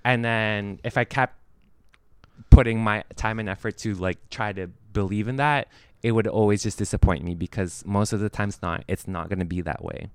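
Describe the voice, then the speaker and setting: A man's voice: on the low side, moderate pace, a little mellow, smooth, no echo. A young man talking casually in an apartment, rambling with lots of fillers and restarts. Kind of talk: casual chat.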